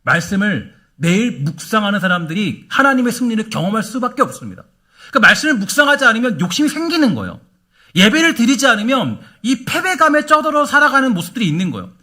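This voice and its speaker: A man's voice: high voice, big pitch swings, quick pace, pushed and bright. A middle-aged male pastor giving a sermon, preaching with rhetorical questions, repetition and light humor. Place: church sanctuary.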